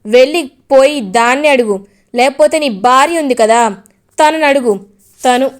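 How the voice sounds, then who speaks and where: A woman's voice: high-pitched, measured pace. A woman voicing a defiant young man who taunts and insists he is right.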